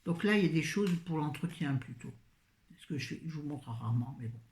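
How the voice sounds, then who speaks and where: A woman's voice: low voice, lively intonation, fairly quick, darkish tone. A tired woman with a fading voice, chatting in a scattered, self-mocking way about her grocery haul, recorded on a phone. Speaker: vlogger. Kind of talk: casual shopping haul chat. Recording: echoey room.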